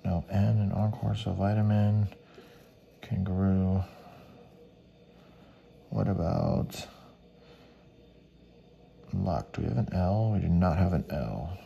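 A man's voice: low voice, slow, vocal fry, long pauses, warm tone, highs cut off. A man giving casual running commentary as he works, muttering to himself in short fragments and spelled-out letters. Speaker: host of a scratch ticket video.

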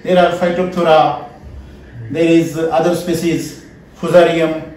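Slightly high and darkish, his delivery flat and measured, this Indian-accented trainer in his forties lectures emphatically, asking questions and repeating key phrases, with a little hiss or hum present. The camera is a few feet away in a small wood-panelled training room, so the echo is heavy and the mic sounds distant.

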